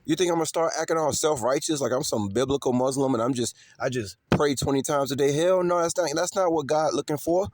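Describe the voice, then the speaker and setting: On the high side and a little mellow, this vlogger's voice moves at a quick pace with few pauses in a clean studio recording without room sound. The Chicago man speaks casually to viewers, emphatic and repetitive, with street slang and curses.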